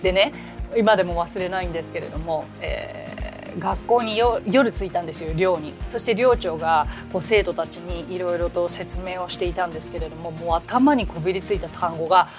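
A woman's voice: lowish voice, over music. Chatty woman hosting a podcast English lesson. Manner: chatty and animated, with quick asides and light laughs. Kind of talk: casual podcast lesson talk.

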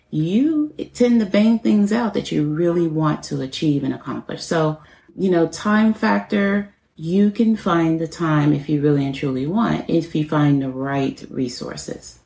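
A woman's voice: sits low, mellow. A woman in her forties hosting her own business podcast, talking in an encouraging, conversational way with many "you know" fillers. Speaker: podcast host and business coach. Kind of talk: motivational solo podcast talk. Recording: roomy echo.

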